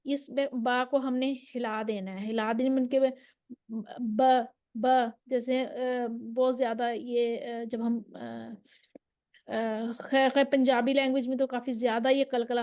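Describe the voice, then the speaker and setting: A woman with a high voice gives a recitation lesson. She explains each rule patiently and stretches the example syllables out slowly, often pausing to ask whether the listener is following. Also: darkish tone, lo-fi sound. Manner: checks with the listener, asking "ok?". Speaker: Quran recitation teacher. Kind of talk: tajweed lesson.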